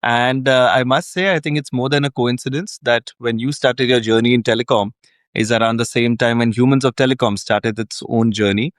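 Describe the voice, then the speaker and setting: A man's voice: medium pitch, no room sound, studio quality. A man hosting a podcast interview, introducing his guest with effusive, welcoming praise. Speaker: podcast host.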